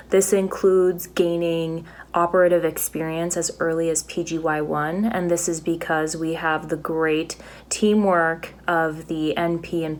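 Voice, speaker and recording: A young woman from California, a first-year surgical resident, giving an earnest recorded testimonial. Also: deep voice. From California, USA. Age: young adult.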